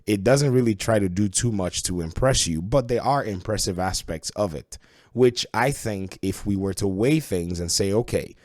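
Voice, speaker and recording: Low-voiced man with a stuffy, cold-affected nose. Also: normal speed, darkish tone, no room sound, studio quality. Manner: conversational, opinionated. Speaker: video game reviewer. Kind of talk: casual review commentary.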